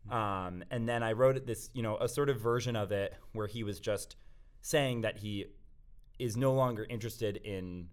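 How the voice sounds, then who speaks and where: A man's voice: fairly low pitch, clear, resonant tone. A man being interviewed as a guest writer on a podcast, talking casually and rambling with many fillers. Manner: rambling, lots of fillers like "like" and "um", laughs easily.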